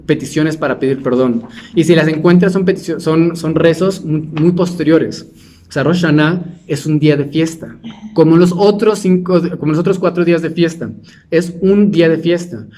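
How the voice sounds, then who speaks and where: A man's voice: fairly high pitch, darkish tone. A man giving an informal Torah class, talking conversationally and putting questions to his listeners. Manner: conversational, asks the class questions, many restarts. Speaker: Torah teacher.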